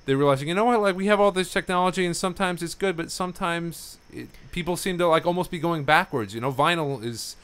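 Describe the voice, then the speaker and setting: A man's voice: on the high side, fast, hardly any pauses, a bit bright, smooth. Rambling male podcast host. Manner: rambling, frequent affirmations and fillers. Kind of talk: casual interview chat.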